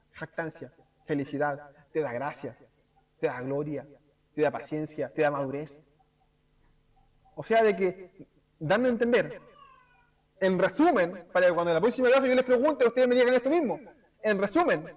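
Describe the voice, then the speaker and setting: High-voiced Chilean man preaching. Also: distant mic. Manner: animated, asks rhetorical "cierto?", acts out quick voices. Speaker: preacher teaching a Bible class. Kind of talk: informal sermon. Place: church.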